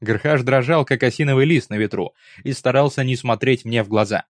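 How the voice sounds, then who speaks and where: Steady male audiobook narrator. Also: mid-range voice, a little fast, dry recording, clean studio sound. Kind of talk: first-person fantasy audiobook narration.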